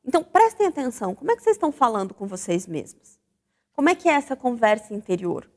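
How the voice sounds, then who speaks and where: Female talk-show host, high-pitched, reflective and questioning, long room reverb. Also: quick pace. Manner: reflective, animated, asks the audience questions.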